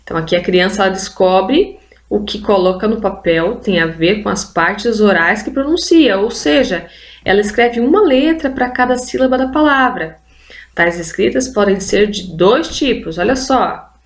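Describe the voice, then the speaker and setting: A woman's voice: mid-range voice, expressive, normal speed, roomy sound. A Brazilian woman teaching literacy in an online video lesson. She explains step by step and keeps prompting viewers with "olha só" and "gente". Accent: Brazilian Portuguese.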